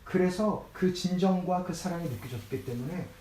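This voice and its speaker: A man's voice: high voice, normal speed, a little mellow, slight background noise. A man preaching a sermon as pastor, speaking in a conversational way and acting out scripture quotes. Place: church sanctuary. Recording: echoey church room, mic from a distance.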